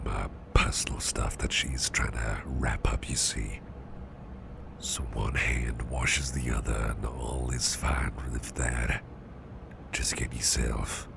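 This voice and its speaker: This heavily acted ASMR roleplay features a man as a gentle, protective boss fussing over a tired employee, giving close personal attention. He speaks in a very deep, gravelly half-whisper, reassuring with hesitant, repeated phrases. Loud background noise runs under the close recording.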